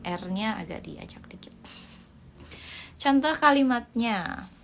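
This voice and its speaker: Slow woman teaching English pronunciation. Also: a little high, expressive, gravelly, fairly bright tone. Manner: slow, explains word pronunciation and repeats words. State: dry, cracking voice. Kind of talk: casual livestream lesson. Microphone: phone livestream. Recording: faint background noise.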